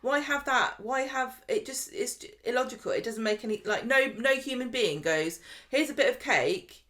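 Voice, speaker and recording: A woman co-hosting a podcast, chatting casually and complaining in an incredulous, animated way. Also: on the high side, normal speed. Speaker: podcast co-host. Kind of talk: casual chat.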